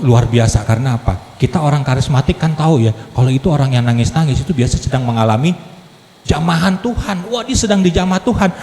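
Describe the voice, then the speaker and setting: A man giving a lively testimony sermon in a church hall, telling his story with humor and acted quotes. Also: mid-range voice. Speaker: lay preacher giving a testimony. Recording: echoey hall with long reverb.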